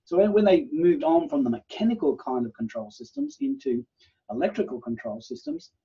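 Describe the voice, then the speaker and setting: A man's voice: high voice, very animated, a little fast, vocal fry, dark tone, breathy edge. A man, a university lecturer giving an online class in a chatty, rambling way, full of fillers and acted-out quotes. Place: home room, video call. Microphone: computer microphone on a video call. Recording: muffled video call audio.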